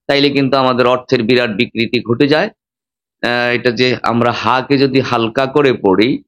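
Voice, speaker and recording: A male preacher delivering a sermon in a teacherly way. He stresses words with sudden lifts and falls and slows down to model pronunciation. His voice sits at an ordinary middle pitch for a man. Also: a bit bright, highs cut off. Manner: teacherly, demonstrates Arabic pronunciation, emphatic rises and drops. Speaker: Islamic preacher.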